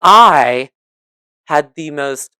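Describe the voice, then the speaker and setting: A woman hosting a casual podcast, chatty and joking, reminiscing with quick asides. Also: low voice, animated, pushed and bright, clean tone, no echo, studio quality. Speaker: podcast host. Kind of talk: casual chat. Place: home.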